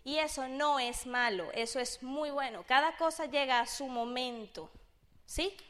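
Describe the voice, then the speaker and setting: Woman, Venezuelan accent, 30s, high voice, chatty storyteller. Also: measured pace, fairly bright tone. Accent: Venezuelan Spanish. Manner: chatty, acts out quotes, keeps asking "¿sabes?". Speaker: speaker sharing a business testimony. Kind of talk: animated storytelling to an audience.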